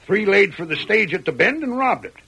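An actor playing a blustering frontier sheriff with a folksy western drawl, in 1940s radio acting style. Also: male voice, high-pitched, lively intonation, fairly quick, gravelly, bright, forceful tone, husky, exaggerated voice. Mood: puzzled. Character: gruff frontier sheriff, older man, blustering. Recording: old radio broadcast recording.

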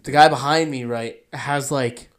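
A man's voice: medium pitch, a little slow. Casual young man telling a story. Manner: animated storyteller, acts out the people he quotes. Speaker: podcast co-host.

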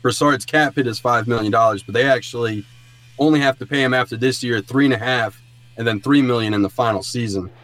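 A man's voice: medium pitch, a little fast, a bit bright. A man co-hosting a sports podcast, explaining things in an informal, conversational way. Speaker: podcast co-host. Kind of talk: casual sports analysis chat. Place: sound booth in a studio.

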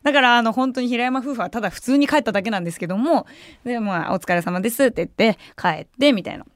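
In a radio studio, a young woman radio personality hosts her show, telling a story in a casual, chatty way and acting out the voices of the people she quotes. She talks fast in a higher-pitched voice, and the recording is dry and studio-clean.

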